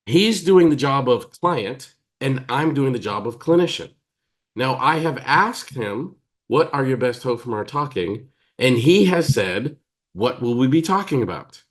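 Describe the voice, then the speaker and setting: A man with an American accent, giving a teaching talk as a therapist, emphatic and pausing deliberately, acting out quoted dialogue. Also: mid-range voice, lively intonation. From United States. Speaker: psychotherapist and trainer.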